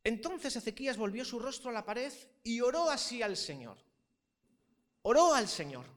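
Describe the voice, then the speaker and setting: A man preaching to his congregation in a notably high voice. He builds his points by repeating phrases and throwing rhetorical questions to the room, swinging between loud stresses and soft asides. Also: sing-song, normal speed. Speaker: pastor. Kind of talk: sermon.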